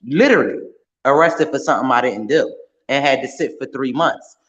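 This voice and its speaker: A man's voice: mid-range voice, moderate pace, a bit bright, lo-fi sound. A man in a casual podcast chat, outspoken and blunt, who swears freely. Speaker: podcast guest or co-host.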